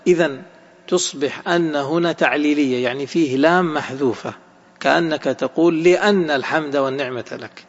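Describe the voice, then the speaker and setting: A man with a gravelly, creaky voice teaches a religious lesson. He explains the text point by point and keeps asking his listeners whether it is clear. The recording is muffled and carries a long hall reverb. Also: on the high side. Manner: explanatory, asks the listeners rhetorical questions to check understanding. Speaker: Islamic scholar teaching hadith.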